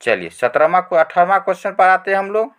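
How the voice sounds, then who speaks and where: A male teacher, slowly reading exam questions aloud and checking in with listeners after each point. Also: sits high, animated, a bit bright, smooth. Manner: reads questions slowly, repeats phrases with tag "है ना". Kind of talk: online exam-prep lesson.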